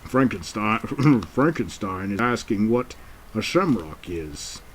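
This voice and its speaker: Rich: A proper, courteous male go-between, voiced by a man in a homemade puppet drama. He speaks slowly and formally, with wide swings in pitch. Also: very animated, slight background noise.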